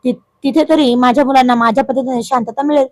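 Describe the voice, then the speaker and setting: A woman voicing an angry young wife from the city, sharp, accusing and close to tears. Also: high voice, fairly even intonation, fast, no echo. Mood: defiant.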